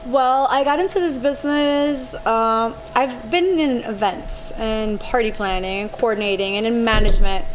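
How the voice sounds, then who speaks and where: A woman from Colombia, raised in Miami, talking casually as a guest about her work managing a nightclub, full of "like" and lively storytelling. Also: a little high, moderate pace, few pauses, a little hiss or hum, poor audio. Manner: chatty, frequent "like", animated storytelling. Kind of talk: casual podcast interview.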